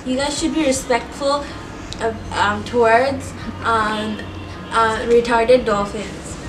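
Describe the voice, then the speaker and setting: A woman's voice: on the high side, steady tone, slow pace, over music. A young woman hosting a casual comedy vlog, giggly and answering with sarcastic comebacks. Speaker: host. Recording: echoey room with background noise.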